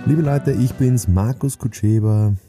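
A man's voice: mid-range voice, a little slow, over music. A middle-aged man, giving an emphatic, preachy motivational podcast monologue with many fillers and restarts. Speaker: sales trainer and podcast host.

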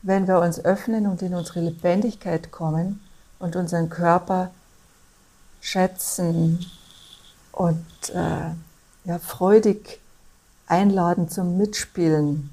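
A woman talking as a guest in a reflective conversation, speaking thoughtfully and often pausing to find her words. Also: on the low side, steady tone, dark tone.

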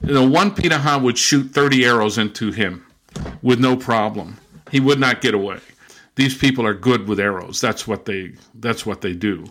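An older man speaks as an interview guest, telling stories in a reflective, anecdotal way. He tends to slip into a loud, lecturing professor's voice. His pitch sits in a typical middle range for a man. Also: normal speed. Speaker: guest, professor and former missionary. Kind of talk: conversational interview storytelling.

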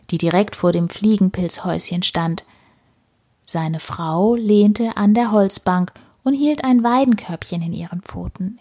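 A woman reads a children's story aloud in a soft, hushed way. Her voice sits at a middle pitch with a noticeable breathy, husky grain.

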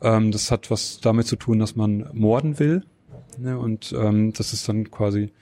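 A man answering interview questions, explaining at length and pausing often with fillers and tag questions. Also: on the low side, fairly even intonation, mellow. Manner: hesitant, many filler sounds and tag questions. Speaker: interview guest.

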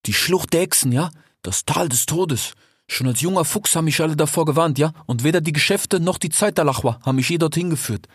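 A man's voice: on the high side, a little fast, breathy edge, no room sound, clean studio sound. An actor playing a talkative male desert fox merchant in an audiobook fairy tale, tagging his sentences with a questioning "ja?". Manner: chatty, ends phrases with 'ja?'.

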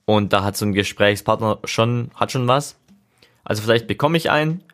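Speaking at a moderate pace in a fairly low but fairly bright voice, a young podcast host rambles casually on his solo show. He sits leaning back in a chair, thinking aloud in a relaxed, reflective manner.

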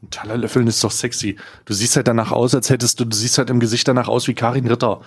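A man hosting a casual chat, excitable and scatterbrained as he unboxes an advent calendar, laughing often. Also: mid-range voice, fast, breathy edge. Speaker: podcast host.

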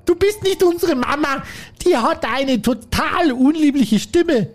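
Woman playing tiny fairy-tale goat kids, piping high and childish, slowly drawn out. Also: lively intonation, soft background music. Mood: defiant. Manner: very high squeaky child voice, slow. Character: little young goat kids, squeaky and childish.

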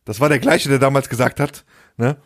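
A man's voice: medium pitch, fairly even intonation, brisk. A young man co-hosting a casual podcast, telling anecdotes, laughing at his own jokes and mimicking other people's voices. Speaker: podcast co-host. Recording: remote call audio.

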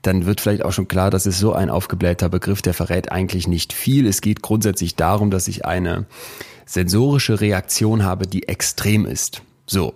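A man hosting a podcast in casual, chatty talk, with a husky voice. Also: deep voice, fairly even intonation, moderate pace, a little mellow. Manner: at times drops into a breathy whisper. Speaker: podcast host.

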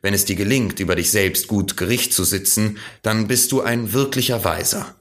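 A very old, self-important king who talks in a stately, commanding way, his low voice sitting a little higher than the narration, as a man reads him. It comes from a storybook reading. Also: normal speed, fairly bright tone, natural voice.

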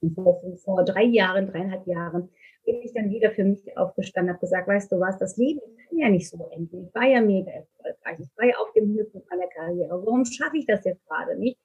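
Earnest and candid, a middle-aged woman from Turkey answers interview questions conversationally, filling her speech with many fillers. She talks briskly in a mid-range, husky voice with a darkish tone, and the audio is dull.

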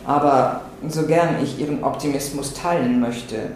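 A man's voice: medium pitch, measured pace. Man reading with vivid expression, echoey. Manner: dramatic, shifting tones of an anxious inner monologue. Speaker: reader. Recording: echoey room, faint noise.

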